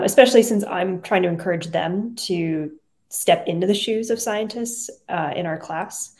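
A young adult woman, a middle school science teacher, giving earnest testimonial answers over a video call, with frequent pauses and "um"s. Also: on the low side. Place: home room with plain wall. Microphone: video call webcam.

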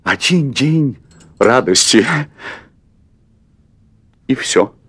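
In a televised stage play, on a theatre set representing a hotel room, an actor in his fifties plays an anxious, adventure-craving restaurant owner in middle age, confessing at length with hesitant, repeated words. His voice is medium in pitch, animated yet very slow, a bit bright and husky, with an exaggerated delivery on a dry recording.

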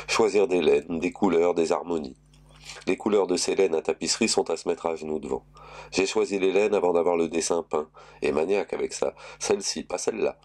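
Guy with a real deep voice reading a novel out loud, calm and a bit dry. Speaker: reader.

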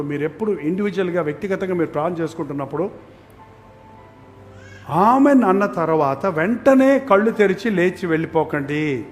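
Male pastor, high voice, dramatic loud-soft preaching, reverberant hall. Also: a little hiss or hum. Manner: dramatic swings between loud emphasis and soft near-whispers. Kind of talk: sermon.

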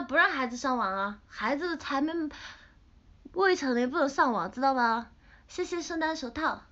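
A woman's voice: high-pitched, a bit bright. Playful pouty woman with a Sichuan accent. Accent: Sichuan Mandarin. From Sichuan, China. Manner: playful, pouty, chatty, laughs often. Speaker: idol livestreamer. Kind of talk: casual livestream chat reading comments. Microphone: phone camera. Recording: dull lo-fi livestream audio.

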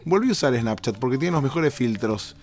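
A man with an Argentine accent hosting a podcast from a hotel room, hoarse and rambling playfully as he talks straight to his listeners. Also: mid-range voice, animated, fairly quick, darkish tone, soft background music. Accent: Argentine Spanish. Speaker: podcast host. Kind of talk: casual comedic monologue.

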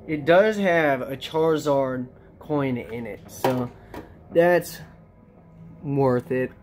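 A casual vlogger opening trading card packs, talking to viewers directly in an excitable, slangy way. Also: mid-range voice, slow pace, faint music behind. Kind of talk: casual unboxing chat.

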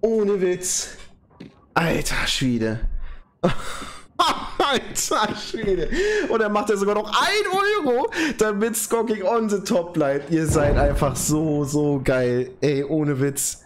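A young man streaming from home, overjoyed and slangy, his voice trembling with excitement. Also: a little high, measured pace, few pauses, noisy background. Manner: overjoyed, slangy, constant exclamations. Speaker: live streamer. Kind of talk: excited live stream reaction. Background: music.

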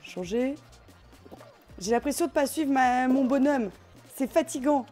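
A young woman streaming a party game, commenting in an excitable, laughing, self-mocking way. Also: sits high, measured pace. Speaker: gaming streamer. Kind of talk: live let's play commentary. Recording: faint game music behind.

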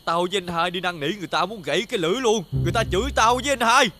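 A man's voice: high voice, expressive. A young man with a Southern Vietnamese accent, acting an exasperated older brother who scolds and nags in a TV comedy series. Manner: exasperated scolding, rapid nagging. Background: music.

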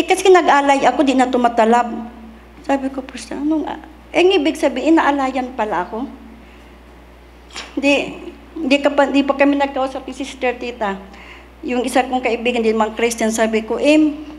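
Woman, somewhat high voice, conversational church testimony with acted-out dialogue, light background noise. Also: a little mellow. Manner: conversational storytelling, reenacting dialogue. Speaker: church member giving testimony. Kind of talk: personal testimony at prayer meeting.

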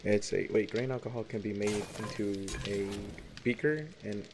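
A man's voice: lowish voice, steady tone, normal speed, noisy background. A young man chatting casually and swearing while gaming with friends. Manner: goofy, laughing, swearing. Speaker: gamer streaming with friends.

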